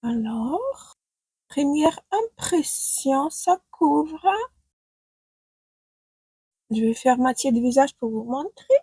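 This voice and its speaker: Applying makeup at home in daylight, this woman from Ukraine talks casually to camera with a Ukrainian accent in a non-native language that isn't French, pausing to think aloud. She sounds high-pitched, animated and mellow, speaking slowly with many pauses, on a dry recording.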